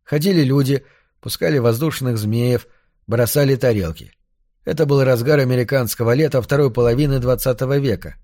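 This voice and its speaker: Brief: a man for audiobook narration, even and measured, middle pitch, dry recording. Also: no room sound.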